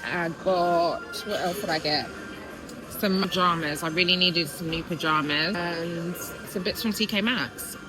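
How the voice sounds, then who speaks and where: A woman's voice: lowish voice, unhurried, over music. A woman in her thirties chatting candidly and upbeat in a casual vlog. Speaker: vlogger. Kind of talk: casual vlog chat to camera. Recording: noisy background.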